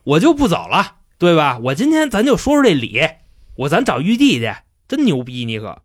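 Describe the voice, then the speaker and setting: A man's voice: on the high side, huge pitch swings, normal speed, no echo, clean studio sound, voice pushed up. A man voicing a brash, cocky male monkey king who taunts crudely. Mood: taunting.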